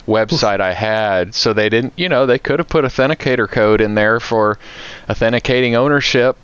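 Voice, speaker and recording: An American IT security professional co-hosts a podcast, telling anecdotes in a casual, conversational way. His mid-range voice moves at a moderate pace and sounds a bit bright and smooth, though the audio is dull.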